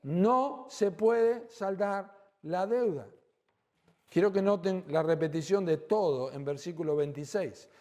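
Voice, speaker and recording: Animated Argentine preacher, dark tone. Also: male voice, high-pitched, unhurried. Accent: Rioplatense Spanish. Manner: animated preaching, acts out dialogue, rhetorical questions. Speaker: pastor. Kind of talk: sermon. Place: church.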